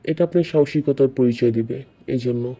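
Lady playing a bossy examiner guy, low mellow voice, snaps out orders. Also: moderate pace, breathy edge, muffled recording. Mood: stern. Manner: curt commands. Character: stern male job examiner, bossy.

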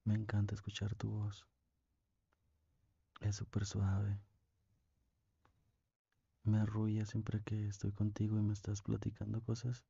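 A young man with a Mexican accent playing a tender, lovesick boyfriend on a call in an ASMR role-play, speaking intimately with pauses. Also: lowish voice, completely flat delivery, creaky, dark tone, slightly rough, no echo, lo-fi sound, heavily acted. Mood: tender, devoted. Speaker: ASMR performer.

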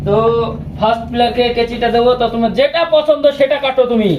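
Fast high-voiced woman hosting a kids' game. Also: reverberant, distant mic, noisy background. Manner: eager, repetitive cheering and prompting. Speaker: host of a children's prize game. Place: outdoors in a village crowd.

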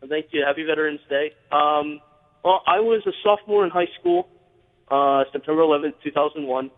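A man calls in to a radio show, his voice squeezed through a thin, tinny phone line with a long reverb trailing behind it. He speaks quickly in a slightly high register, earnest and halting, full of fillers and restarts. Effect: call-in phone line on air. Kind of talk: call-in radio chat.

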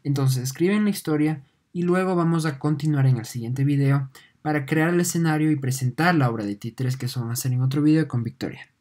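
Teacher, mellow voice, patient and halting, checks in with "no?". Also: mid-range voice. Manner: patient, often ends points with a questioning "no?"; halting, repeats words while thinking. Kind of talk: online lesson explaining on screen.

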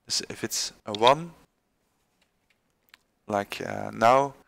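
A man presenting a screen-recorded software tutorial, halting with many fillers and restarts. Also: on the low side, gravelly.

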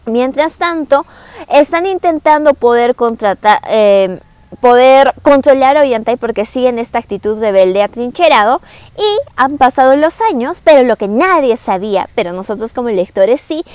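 A young woman from Cusco with a Peruvian Spanish accent, casually retelling a classic play in a chatty, animated way and speaking straight to her viewers. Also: sits high, no room sound. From Cusco, Peru. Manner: chatty, animated, direct address. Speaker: book summary vlogger.

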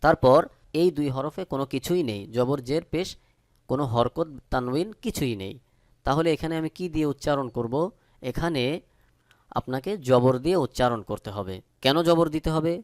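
A man teaching Quran recitation in Bengali-accented speech. He spells each letter and vowel mark, then recites the words slowly. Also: medium pitch, a little mellow, clean tone, no echo, clean studio sound. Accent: Bangladeshi Bengali. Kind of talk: step-by-step recitation lesson.

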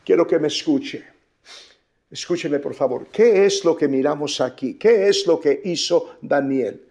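A male pastor preaching a sermon, calling out "listen" and "beloved brethren", surging to loud peaks and sinking to near-whispers. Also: fairly high pitch, a little slow. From United States. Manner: preaching with swells to loud emotional peaks and dropping to hushed; repeats "escuche" and "amados hermanos" to the congregation.

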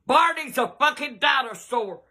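An older woman, a grandmother with an irate, blunt, profane manner, talking casually and often shouting in a home bedroom. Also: sits high, expressive, normal speed, very noisy. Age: older, 60s or above. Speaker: grandmother in prank videos. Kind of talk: casual reactions to pranks. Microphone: handheld phone camera a short distance away.

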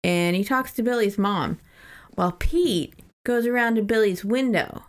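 A woman co-hosts a podcast, speaking in a mid-range voice at a slightly slow pace. She chats casually about books, irreverent and swearing freely.

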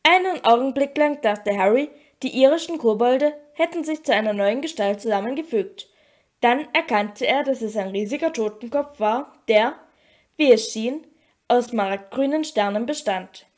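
High-voiced woman reading an audiobook. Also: normal speed. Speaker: audiobook reader. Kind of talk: audiobook narration.

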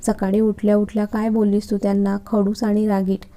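A woman's voice: medium pitch, monotone, fairly quick, mellow, close to an everyday voice. A woman reading the lines of a cheeky young woman student in a storybook romance, teasing and talking back.

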